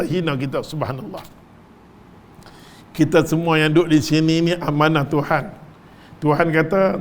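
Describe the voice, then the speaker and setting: A man with a northern Malaysian Malay accent, preaching an animated sermon and telling stories dramatically, acting out voices and laughing along. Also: sits high.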